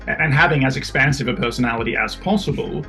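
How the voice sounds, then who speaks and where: An earnest man with a gravelly, creaky voice presses his points with real emphasis, sometimes restarting a phrase. Faint music sits behind him. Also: medium pitch, fast, bright, forceful tone, poor audio. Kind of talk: casual philosophical discussion.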